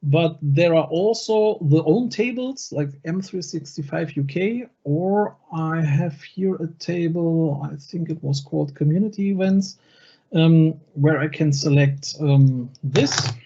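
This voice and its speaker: Slow, husky-voiced presenter demoing software step by step on a dull, lo-fi video call. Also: mid-range voice. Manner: talks through each click step by step. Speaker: presenter at an online user group event. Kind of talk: live software demonstration.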